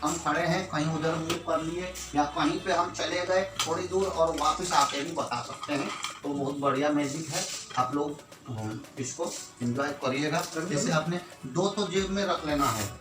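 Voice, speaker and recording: With a distant mic, an echoey room and music behind him, an Indian man in party-magician mode teaches and sells magic tricks. His voice sits on the high side at a moderate pace, and his showman patter, peppered with counting and made-up magic words, addresses viewers as friends.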